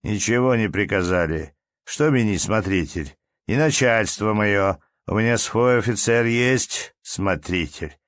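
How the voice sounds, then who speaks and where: A gruff, stubborn sergeant with a rustic accent, voiced by a man. He speaks slowly and bluntly, a little louder than the narration. The sound is low and dry. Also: dry recording.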